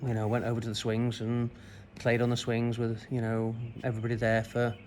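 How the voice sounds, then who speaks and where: A man's voice: medium pitch, monotone, brisk, a little mellow, a little hiss or hum. A man, a spiritual coach, recounting a childhood memory in a loose, rambling way full of fillers. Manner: rambling, many fillers and restarts. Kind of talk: personal story told to camera.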